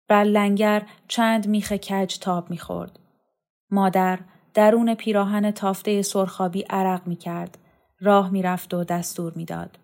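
A woman narrating a novel in a calm, measured literary reading. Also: medium pitch, gravelly. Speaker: audiobook narrator.

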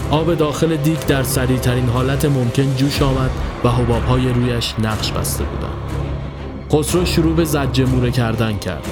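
A man giving a scripted narration of a horror story in a steady storytelling voice. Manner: steady storytelling, dropping low for tense moments. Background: faint music.

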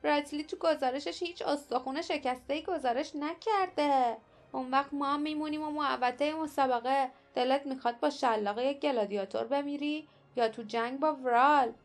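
Woman putting on a gruff, bossy male guard. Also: sits high, few pauses, a bit bright, voice pushed up. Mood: irritated. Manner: snapping, bossy.

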